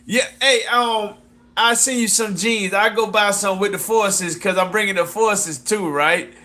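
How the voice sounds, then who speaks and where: High, bright-voiced man chatting casually. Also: steady tone, measured pace. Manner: loose, repetitive, keeps addressing "sis"; exclamatory whoops and laughs. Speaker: fashion designer pitching his brand. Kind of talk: casual live chat with viewers.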